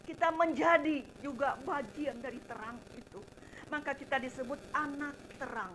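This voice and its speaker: A middle-aged woman preaching an impassioned sermon, swinging between loud emphasis and quiet asides, addressing her congregation directly. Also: high voice, moderate pace, background noise. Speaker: evangelist preacher.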